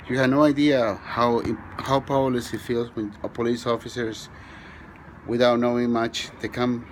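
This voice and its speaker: A middle-aged man from Peru, telling his own story in a halting way with many pauses and restarts. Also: mid-range voice, slight background noise. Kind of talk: personal testimony.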